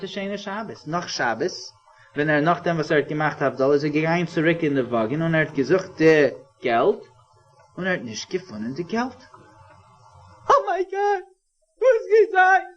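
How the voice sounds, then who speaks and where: A man telling a story to young children, animated and singsong, with plenty of repetition. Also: fairly high pitch. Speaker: storyteller and educator. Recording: dull old cassette transfer.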